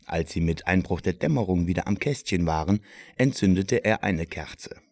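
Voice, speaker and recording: A man narrating a children's fantasy audiobook in an expressive storytelling style. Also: low voice, normal speed, dry recording, clean studio sound. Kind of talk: scripted narration.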